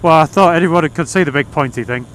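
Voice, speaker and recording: Riding outdoors most of the time, this English-accented man vlogs about his motorbike trips through a helmet intercom mic, joking and drifting off-topic with a dry wit. He talks very fast in a fairly high voice, and the audio is poor, swamped by wind, engine roar and road noise.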